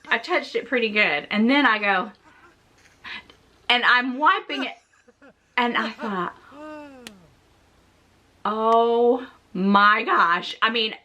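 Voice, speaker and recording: A middle-aged woman talking straight to her viewers with a bright, forward tone that sits a little high. She tells her story casually and with a lot of life, laughing and exclaiming along the way. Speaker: fashion vlogger.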